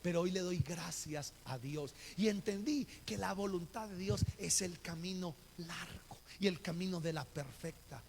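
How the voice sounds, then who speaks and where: A man's voice: high voice, measured pace, gravelly, few pauses. A Colombian man preaching a sermon as pastor, telling a personal story and acting out the dialogue. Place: church. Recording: reverberant church hall with faint noise.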